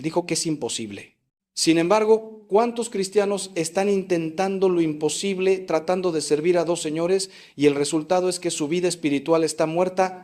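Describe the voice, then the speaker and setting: A male priest delivers a sermon in a somewhat high voice. His preaching is emphatic, swinging up for stress and dropping low at the ends of phrases. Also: a little mellow. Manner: emphatic preaching with sweeping rises and falls.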